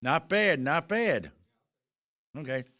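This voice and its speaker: A man's voice: a little high, lively intonation, takes it slowly, sharp tone. A man hosting a casual radio chat, joking and talking with his mouth full. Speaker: host.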